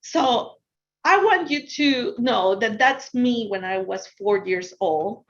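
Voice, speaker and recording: Over a video call, a financial consultant speaks to students as a guest, a native Spanish-speaking woman with an Ecuadorian accent and a fairly high voice. Her delivery is slow and encouraging, with lively intonation, and she repeats phrases for emphasis. The audio sounds somewhat dull and lo-fi.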